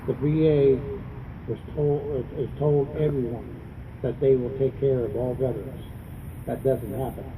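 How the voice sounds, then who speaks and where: A man's voice: mid-range voice, fairly even intonation, unhurried, noisy background. Adamant man giving a campaign speech, distant mic. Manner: adamant, plain-spoken, repeating phrases for emphasis. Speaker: congressional candidate and veterans advocate. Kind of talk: campaign speech at a news conference.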